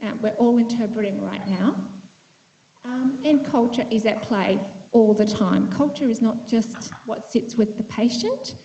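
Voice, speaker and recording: Unhurried and warm, with a voice on the high side, a psychiatrist from Vietnam speaks at a conference in a lecture room. Her delivery is conversational and reflective, with many fillers and restarts. Sound quality is dull and lo-fi, with hall echo.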